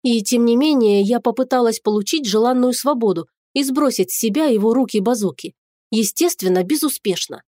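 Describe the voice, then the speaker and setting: A woman narrates a first-person fantasy audiobook with emotional, indignant storytelling. Her voice sits a little high. The recording is dry and close-miked, with no room sound. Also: brisk, dark tone, dry recording.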